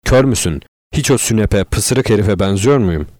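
A man's voice: fairly low pitch, expressive, moderate pace, a little mellow, no room sound, clean studio sound, close to an everyday voice. A man voicing a cruel, unstable male killer who growls his words with contempt. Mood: menacing.

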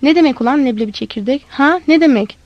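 A woman's voice: on the high side, expressive, normal speed, dry recording, muffled recording, close to an everyday voice. Woman doing a quarrelsome drunk man. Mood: belligerent. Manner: stammering, repetitive, aggressive.

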